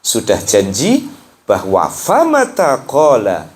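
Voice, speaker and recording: A man with a Central Javanese accent giving a casual sermon at a home study gathering. He jokes with the audience and chants Arabic prayers slowly. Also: mid-range voice, wildly swooping pitch. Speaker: ustadz teaching a weekly religious study.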